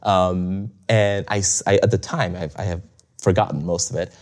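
Sitting low with a steady, darkish tone, this man speaks at a moderate pace. He's a young adult who grew up in Bulgaria, guesting on a casual interview, reflective and chuckling often amid many fillers and restarts.

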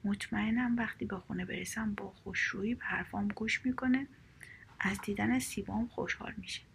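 A woman voicing a gentle, trusting old husband in a whispered role-play, calm and cheerful. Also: high voice, creaky, slight background noise.

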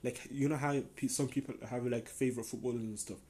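A young Danish-raised man hosts a casual solo podcast Q&A, rambling enthusiastically and leaning on lots of fillers. His voice is medium-pitched and warm, with fairly even intonation, and he talks fast.

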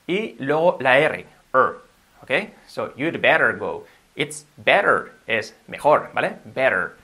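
Bright-voiced upbeat Spanish teacher man. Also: mid-range voice. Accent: Spain Spanish. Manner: upbeat, patient explaining. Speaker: language teacher. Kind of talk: video lesson.

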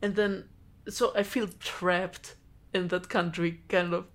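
A Georgian woman, speaking her native language, shares a personal story in a relaxed group chat, breaking into lively bursts and laughter between phrases. Her voice sits on the low side and she talks slowly. She's a podcast co-host.

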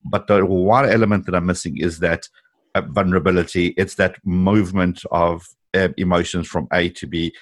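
A man's voice: deep voice, steady tone, normal speed. A man chatting casually as an interviewer and technology video creator.

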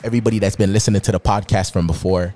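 A man's voice: fairly low pitch, steady tone, racing, dark tone, soft background music. A man hosting a podcast in a casual, upbeat and encouraging way. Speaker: podcast host. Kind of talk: casual podcast interview chat.

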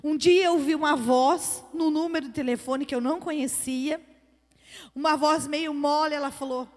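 A woman's voice: high-pitched, steady tone, normal speed. A woman preaching a sermon in a church, telling a testimony and repeating phrases for emphasis. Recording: long hall reverb.

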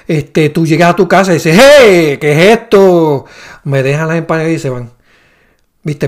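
A man hosting a casual faith podcast, rambling and searching for words, with a teasing streak. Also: high voice. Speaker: podcast host. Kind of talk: casual religious chat.

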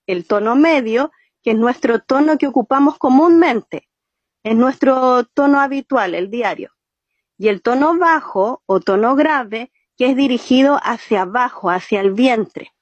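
A woman's voice: a little high, expressive, a little slow, dry recording. A woman, a storytelling teacher, explaining voice and body exercises step by step in an interview. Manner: patient, explains step by step with "¿cierto?" checks. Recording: muffled, dry sound.

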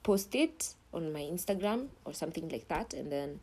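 A woman's voice: sits low, lively intonation, moderate pace, darkish tone, slightly rough. A young woman with a Kenyan accent hosting her own podcast in a casual, blunt monologue, swearing freely and mixing in Swahili slang, sometimes dropping to a near whisper. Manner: drops to a whisper at times. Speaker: podcast host.

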